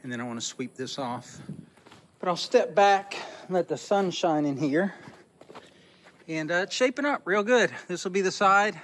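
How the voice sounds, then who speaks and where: A middle-aged homestead vlogger from Northwest Florida films a casual walk-around on his phone outdoors by a pole barn on his rural property. His voice is high, a bit bright and lively in intonation, at a moderate pace. He talks in a folksy, plainspoken way, thinking aloud with small restarts.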